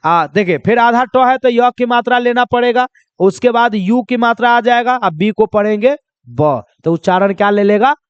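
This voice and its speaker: A man's voice: extremely high pitch, clear, resonant tone, no room sound, lo-fi sound. A male pronunciation teacher giving a lesson, asking a question and then answering it himself, and repeating key points. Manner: spells words out slowly. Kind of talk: classroom lesson.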